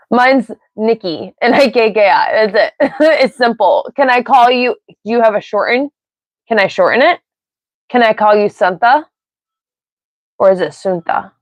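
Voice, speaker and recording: A woman's voice: on the high side, no room sound. An American woman with a mixed Pennsylvania and Ohio accent, hosting a casual live stream and rambling off on tangents with frequent giggles. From United States. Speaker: livestream host. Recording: dry, slightly dull sound.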